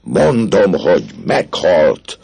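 A tormented, obsessive priest pleading feverishly in an audiobook, as a man plays him. The voice is very deep and gravelly, with a husky grain. Lively swings in pitch carry his desperation. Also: exaggerated voice. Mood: despairing. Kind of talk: audiobook reading.

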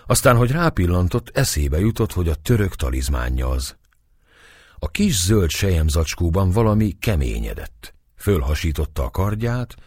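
A man narrating an audiobook with expressive storytelling. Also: low-pitched, slightly rough, no echo, clean studio sound.

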